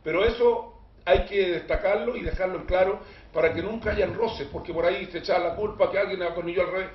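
A Chilean man hosting a casual studio talk show, an animated, emphatic storyteller who mixes in jokes. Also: sits high, fairly quick, echoey room, highs cut off, slight background noise. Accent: Chilean Spanish. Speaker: host.

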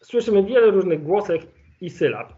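Man, higher voice, online lecture, relaxed explanations, dull lo-fi call audio. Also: moderate pace, slight background noise. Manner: relaxed explanatory, thinks aloud with fillers. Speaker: ornithologist giving a webinar presentation. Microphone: video call.

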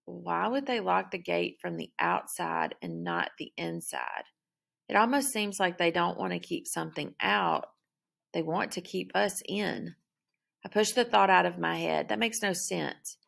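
A woman reading a novel aloud as first-person narrator, in a steady, measured delivery. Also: fairly low pitch, vocal fry. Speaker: audiobook narrator.

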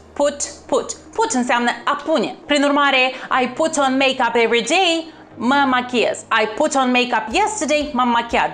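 A woman teaching an English lesson online, upbeat and encouraging, repeating words slowly and clearly. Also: on the high side, a bit bright, slight background noise. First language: Romanian.

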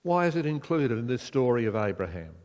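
A man's voice: mid-range voice, big pitch swings, brisk, a little mellow. An older man with an Australian accent preaching a sermon in a conversational way, putting questions to the congregation. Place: church sanctuary, indoors. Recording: long church reverb.

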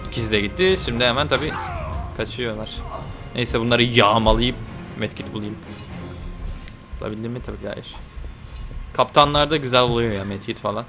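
A young man giving casual, chatty commentary while playing a video game, talking to the game and swearing lightly with sudden excited outbursts. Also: mid-range voice, brisk, pauses often, over music. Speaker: gameplay video host. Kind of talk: casual let's-play commentary.

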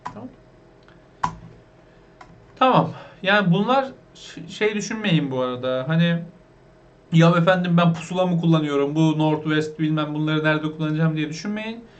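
High-voiced patient male English teacher. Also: moderate pace, pauses often, highs cut off, a little hiss or hum. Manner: patient, repeats words and asks his viewers questions. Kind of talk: online language lesson.

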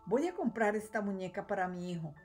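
A woman's voice: medium pitch, expressive, a little fast, darkish tone, faint music behind, natural voice. A woman doing an admiring male shopper.

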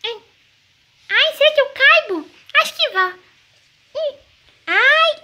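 A woman's voice: very high-pitched, expressive, slow, heavy background noise, voice pushed up, heavily acted. A girl voicing a mischievous, curious little boy who squeals and whines. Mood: excited. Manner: squealing, whiny, exclaiming.

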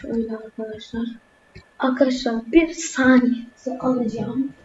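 Talking quietly to her viewers from an indoor room at home, this woman, a gaming YouTuber, narrates a let's-play and occasionally exclaims when something scares her. Her slightly high voice moves little in pitch and keeps a moderate pace. The audio is reverberant and muffled, with some background noise.

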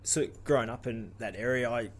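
A man's voice: medium pitch, fairly quick. A man in his late twenties with an Australian accent, a guest on a podcast, speaking in a reflective, hesitant way with many fillers. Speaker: guest, rugby league player. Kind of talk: podcast interview. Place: small studio with curtain backdrop. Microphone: studio mic on boom arm.

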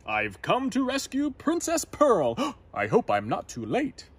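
A man's voice: high-pitched, huge pitch swings, a little slow, breathy edge, pitched above the performer's own voice, exaggerated voice. A man voicing a pompous, gallant knight in a storybook, with a declamatory manner. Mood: bold.

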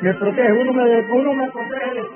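In a room at home, an amateur inventor in his nineties is interviewed live and unscripted, speaking eagerly and repeating himself. His voice is extremely high-pitched, with fairly even intonation at normal speed. The reporter's handheld mic yields a tinny, phone-like feed with background music.

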